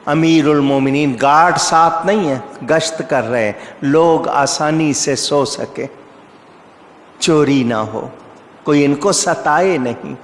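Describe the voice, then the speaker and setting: A male Islamic preacher giving a sermon, telling stories with emphatic rises and asking the audience rhetorical questions. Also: fairly high pitch. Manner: storytelling with rising emphatic outbursts. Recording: echoey hall reverb.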